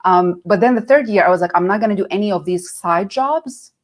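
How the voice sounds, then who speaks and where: A woman's voice: medium pitch, a little fast. A middle-aged woman from Nazareth, a guest telling her career story in a casual interview and acting out quoted voices. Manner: animated, acts out quoted voices.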